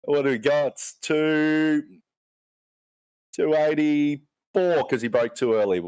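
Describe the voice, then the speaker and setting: A man giving live sim racing commentary, chatty and quick to laugh as he talks through a lap. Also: a little high, a little mellow, smooth, no room sound, poor audio.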